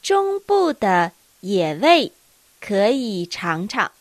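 A woman teaching a language lesson, reading dialogue lines with careful, deliberate enunciation. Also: medium pitch, sing-song, no echo.

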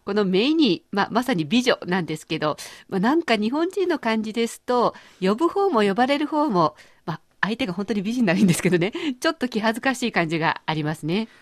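Lively woman hosting a language lesson. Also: medium pitch, quick pace, hardly any pauses, no echo. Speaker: language course host.

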